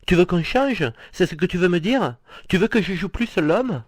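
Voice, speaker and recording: An actor playing a doting, theatrical older husband who teases and gossips affectionately. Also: male voice, high voice, expressive, normal speed, no echo, clean studio sound. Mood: teasing.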